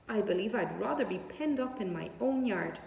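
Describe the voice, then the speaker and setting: A woman's voice: mid-range voice, lively intonation, normal speed, gravelly, a little mellow, roomy sound, rough recording. A woman voicing a frightened, unhappy young male pig in a storybook, with a plaintive manner. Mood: dejected.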